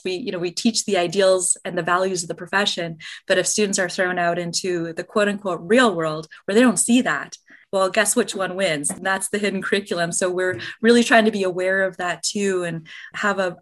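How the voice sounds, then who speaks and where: A woman's voice: fairly low pitch, fairly even intonation, normal speed, a bit bright. A middle-aged woman with an American accent, a medical educator speaking as a guest in a podcast interview, explaining in an earnest, enthusiastic way.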